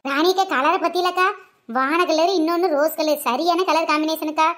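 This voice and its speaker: A woman's voice: very high voice, steady tone, brisk, a bit bright. A woman with a sore throat, voicing several village women in teasing comic banter. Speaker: comedy skit performer.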